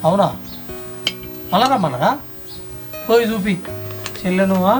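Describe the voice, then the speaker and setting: A man's voice: high-pitched, lively intonation, moderate pace. A young man with a Telangana accent acting as a village son about to leave home, teasing his family in a comedy skit. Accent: Telangana Telugu. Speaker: son leaving for abroad. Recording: music playing behind the voice.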